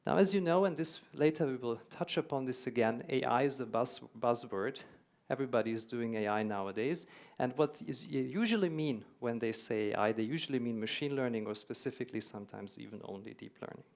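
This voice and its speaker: A man giving a keynote in a conference hall speaks a little fast in a mid-range voice with vocal fry. He's Hungarian-born, German-raised, with a German accent, and he explains earnestly, repeating words to stress them.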